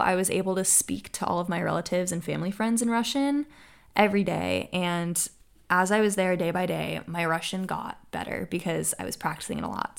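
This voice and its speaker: On her own podcast, a young woman from the United States takes listener questions with an earnest, upbeat manner. Her voice runs lowish, with noticeable vocal fry.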